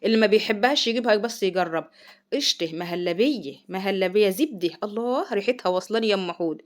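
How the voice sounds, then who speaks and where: Egyptian woman, middle-aged, very fast talker, chatty home cooking vlog, excited over food. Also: mid-range voice. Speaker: vlogger, mother. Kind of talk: casual cooking vlog chat. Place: home kitchen.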